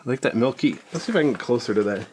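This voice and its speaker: A man's voice: mid-range voice, lively intonation, rapid-fire. A man talking casually as a laid-back cave guide, explaining things to viewers as he explores inside a cave. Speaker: caver guiding viewers through a cave. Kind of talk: casual on-the-move vlog narration. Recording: clear noise, clicks, inside a cave.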